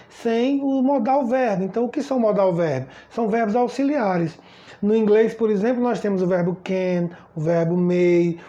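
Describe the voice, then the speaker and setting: A man's voice: high voice, mellow. Chatty man teaching German. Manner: chatty, repeats "tá certo?", stumbles and repeats words. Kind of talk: casual spoken lesson. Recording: slightly dull lo-fi sound.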